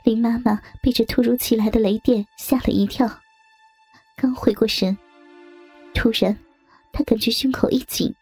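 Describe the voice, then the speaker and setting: A woman reading a scripted audio story in a soft, half-whispered way. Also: fairly high pitch, slightly rough. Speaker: narrator.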